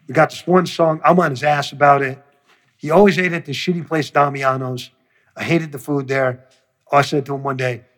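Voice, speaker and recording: A man in an interview with a husky, slightly raspy voice, spinning a long anecdote. He talks loosely and profanely, and he jumps into the voices of the people in his story as he goes. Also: on the high side. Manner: profane, animated storyteller who acts out quotes. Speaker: music producer.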